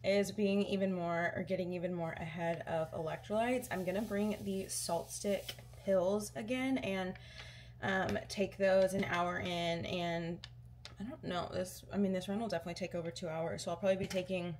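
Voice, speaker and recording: A woman's voice: lowish voice, steady tone, moderate pace, darkish tone, a little hiss or hum. A woman chatting casually to camera as a vlogger, in an informal, everyday way. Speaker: running vlogger.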